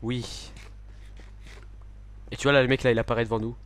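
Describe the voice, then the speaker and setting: A man with an average-pitched voice gives casual gameplay commentary alongside a friend. He talks in a relaxed, unhurried way. He often hesitates and stalls on filler sounds. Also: clean tone. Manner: hesitant, many fillers and restarts, laid-back. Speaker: gamer, server owner.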